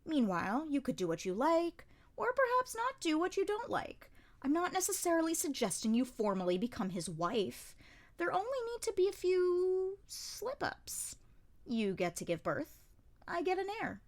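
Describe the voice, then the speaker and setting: This is a scheming young nobleman who talks smoothly and without shame, teasing and wheedling. His lines ride a lively, swinging pitch that leaps up high, read by a woman narrating a storybook. He never stops pushing. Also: normal speed, full character voice.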